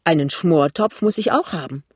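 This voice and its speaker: Ein Mann liest eine eifrige, praktische junge Ehefrau in einem Hörbuch, mit nachdrücklichen, steigenden Fragen. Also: male voice, a little high, expressive, normal speed, breathy edge, no echo, studio quality. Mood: insistent. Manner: insistent, rising emphatic questions. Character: young woman, earnest and practical newlywed. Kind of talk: audiobook reading.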